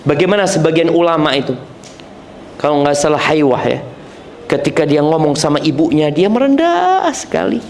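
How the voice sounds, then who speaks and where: A male preacher with a somewhat high voice delivers a sermon. He chants Arabic scripture and then explains it in a relaxed, conversational way. He drives key phrases home through repetition and acts out other people's voices. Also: normal speed, a little hiss or hum. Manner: repeats phrases for emphasis. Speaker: Islamic preacher.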